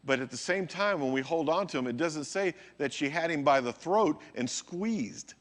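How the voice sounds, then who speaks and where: A man's voice: fairly high pitch, lively intonation, normal speed. A male pastor preaching a sermon in a conversational way, often checking in with his listeners. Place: church.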